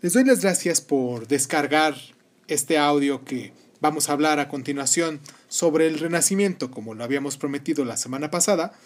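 Higher-pitched male podcast host. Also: normal speed. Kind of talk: history podcast, partly read narration with casual asides.

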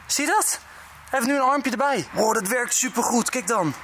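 A man giving excited, casual vlog commentary, often dropping in English exclamations. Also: very high-pitched, moderate pace. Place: outdoors on tiles in the sun. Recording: noisy outdoor recording with vehicle sounds.

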